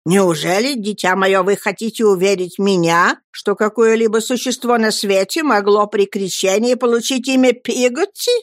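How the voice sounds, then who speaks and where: A woman's voice: medium pitch, dry recording, studio quality, natural voice. A woman voicing a brusque, domineering elderly aunt in an audiobook, curt and emphatic. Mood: stern. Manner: commanding, curt, slow and emphatic. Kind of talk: audiobook character voice.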